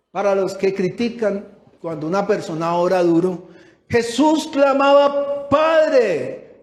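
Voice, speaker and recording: In an echoey church hall, a man with a very high voice and darkish tone preaches, putting questions to his congregation and raising his voice for emphasis.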